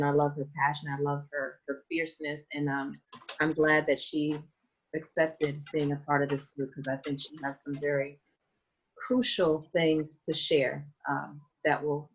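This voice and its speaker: A woman's voice: low-pitched, slight background noise. Woman hosting, muffled call audio. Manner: warm, earnest, with hesitant restarts. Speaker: host of a group discussion. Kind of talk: video call group discussion. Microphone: video call.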